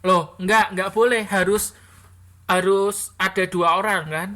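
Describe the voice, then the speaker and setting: Woman, classroom teacher; bright tone, chatty, corrects students with frequent restarts. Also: medium pitch, steady tone, takes it slowly. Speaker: English teacher.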